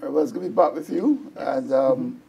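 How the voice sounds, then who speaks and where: Gravelly-voiced reverend, mellow and warm. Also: male voice, medium pitch, lively intonation, a little fast, muffled recording. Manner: conversational, searching for words. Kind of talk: church television talk on journaling.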